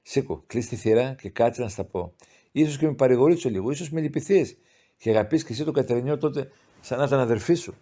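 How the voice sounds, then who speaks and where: A man's voice: medium pitch, warm tone, close to an everyday voice. A man voicing a grieving, pious older village mother who speaks in plaintive, heartfelt pleas. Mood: confiding.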